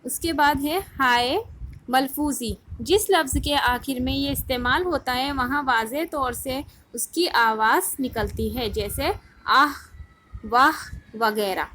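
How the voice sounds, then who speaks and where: A woman's voice: high-pitched, bright, forceful tone, slight background noise. A woman teacher giving a recorded grammar lesson to children, patiently asking the class questions and answering them herself. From India. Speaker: school Urdu teacher.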